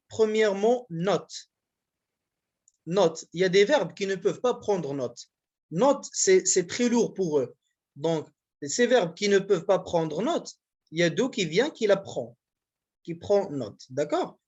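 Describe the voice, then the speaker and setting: A teacher walks students through grammar step by step, at a middling pitch. The delivery is patient and repetitive, with frequent check-ins to make sure everyone is following. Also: a little mellow, slightly rough, lo-fi sound. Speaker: university language teacher. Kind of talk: classroom grammar lesson.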